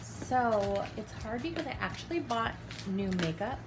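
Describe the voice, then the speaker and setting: A woman's voice: on the high side, animated, a little slow, background noise. A young woman chatting casually and upbeat while organizing her bedroom, talking to her viewers. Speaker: vlogger. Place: bedroom at home. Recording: music playing loudly behind voice. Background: loud background music.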